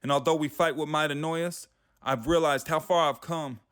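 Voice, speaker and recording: A man's voice: a little high, steady tone, normal speed, a bit bright, smooth. A man in his thirties delivering a rhythmic, rhyming spoken word poem. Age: 30s. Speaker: youth and family engagement manager.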